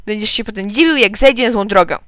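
A woman's voice: medium pitch, fast, fairly bright tone, dry recording, natural voice. A woman reading a storybook and voicing a harried mother who scolds in an exasperated way. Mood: indignant.

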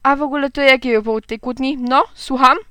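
A woman's voice: sits high, steady tone, fast, smooth, no echo, pitched above the performer's own voice. A woman reading aloud and voicing a stern, pompous older male school principal who lectures and moralizes. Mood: lecturing. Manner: moralizing, lecturing, bursts into shouting.

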